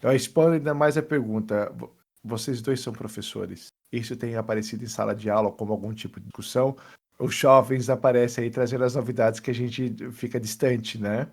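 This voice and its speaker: A man's voice: mid-range voice, fairly even intonation, a little fast, breathy edge. Man hosting a podcast, asking questions. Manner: questioning, adds points to the guests' answers. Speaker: podcast host. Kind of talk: casual podcast chat.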